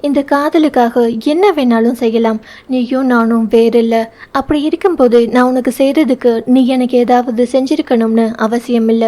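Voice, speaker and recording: A woman's voice: a little high, fairly even intonation, moderate pace, lightly acted. A woman reading the part of a young husband in an audio novel, teasing and tender by turns. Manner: playful teasing, turns soft and pleading.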